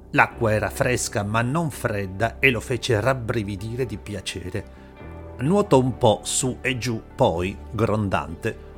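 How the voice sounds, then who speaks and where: A man reading a story aloud in a calm, measured audiobook narration over faint music. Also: lowish voice. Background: faint background music.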